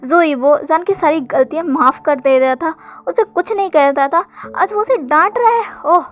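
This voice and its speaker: A gloating young man who teases his friend and delights in the scolding, put on by a woman narrator. The voice sits high over faint background music in this storybook retelling. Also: normal speed, lightly acted. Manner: teasing, gloating.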